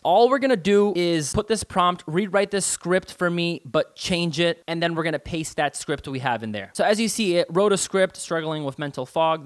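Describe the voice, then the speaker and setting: A man's voice: a little high, fairly bright tone. A man giving a casual, step-by-step tutorial over a screen recording. He talks in a laid-back, slangy way and swears offhandedly. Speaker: online marketing tutor.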